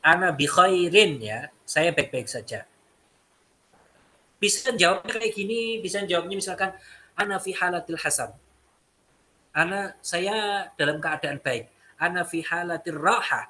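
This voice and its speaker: A man's voice: on the high side, pushed and bright, slight background noise. A man teaching an Arabic lesson, explaining step by step and repeating phrases. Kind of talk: classroom lesson.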